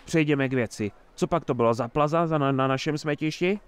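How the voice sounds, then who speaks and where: In a medium-pitched voice close to his everyday speech, a man plays a cheerful, scheming old town mayor. His mood is sly and hearty, his delivery effusive and chatty.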